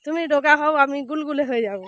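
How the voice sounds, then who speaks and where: A woman's voice: sits high, fast talker, fairly bright tone, dry recording. A woman outdoors teasing her younger sister in a playful, scolding way. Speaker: vlogger's elder sister. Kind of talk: teasing casual chat.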